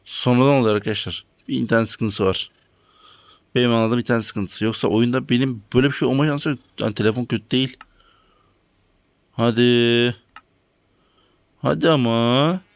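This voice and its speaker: Playing his own game, a man who runs a gaming channel talks to viewers in casual let's-play fashion and complains about the lag. He speaks fairly quickly in a mid-range, steady voice, recorded without echo.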